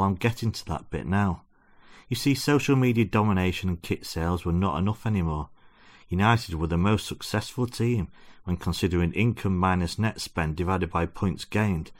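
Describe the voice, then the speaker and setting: A man's voice: low-pitched, lightly acted. A man reading a comic story and voicing a pompous, self-deluded father telling his son a preachy bedtime story.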